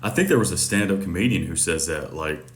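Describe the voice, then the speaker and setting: A man's voice: deep voice, expressive, fast, reverberant. A man co-hosting a casual movie discussion podcast, easygoing and a little hesitant. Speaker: podcast co-host.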